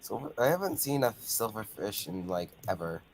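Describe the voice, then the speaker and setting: A man's voice: on the low side, big pitch swings, moderate pace, vocal fry, a little hiss or hum, poor audio. A man chatting with a friend while they play a game together, teasing him and tossing out playful jokes and asides. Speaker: co-streamer friend. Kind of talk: casual chat while gaming.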